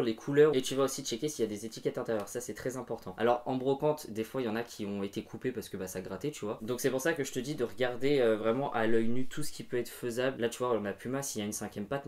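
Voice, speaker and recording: A man's voice: medium pitch, darkish tone. A young man giving casual, slangy tips to camera, talking to the viewer like a buddy. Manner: fast, punchy, addresses viewer as "mon ref". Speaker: vlogger giving football shirt tips.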